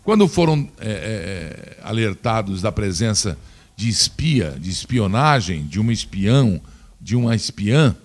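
A man's voice: lowish voice, big pitch swings, unhurried. A man from Brazil giving opinionated political commentary, indignant and scornful, talking straight to his listeners.

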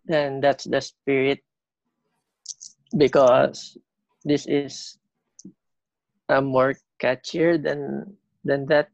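A man with a slight lisp, a band vocalist chatting as a podcast guest, talking haltingly with many fillers and restarts. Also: medium pitch, vocal fry, a little mellow, dry recording, highs cut off. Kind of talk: casual interview chat.

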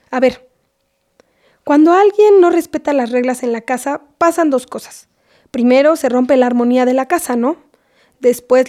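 A woman's voice: sits high, a little mellow, natural voice. A woman playing a scolding but loving mother with a Mexican accent, lecturing her daughter in a comedy sketch. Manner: scolding, lecturing, half-whispered.

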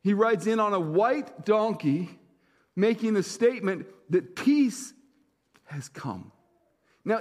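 Male senior pastor, high pitch, conversational sermon delivery, long reverb tail. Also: darkish tone. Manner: conversational storytelling, repeats phrases for emphasis.

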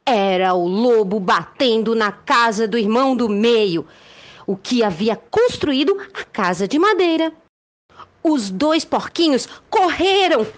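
A Brazilian woman telling a story to children in the expressive manner of a kids show host. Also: high voice.

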